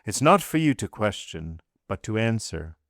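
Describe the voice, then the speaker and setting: A man's voice: fairly low pitch, big pitch swings, moderate pace, a bit bright, no echo, studio quality. A man reading aloud, voicing a stern magistrate who questions his wife in a blunt, commanding way. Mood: cold, commanding. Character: cold, stern magistrate husband.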